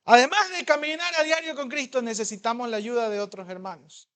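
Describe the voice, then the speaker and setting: A man preaching a sermon as pastor, emphatic and conversational, swinging between loud and soft and asking the congregation questions. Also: very high voice, smooth. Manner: conversational, fast at times.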